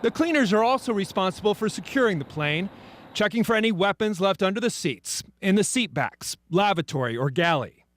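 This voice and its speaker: An American man with a notably high voice for a man delivers a scripted investigative news report like a TV reporter. He speaks a little fast with lively intonation.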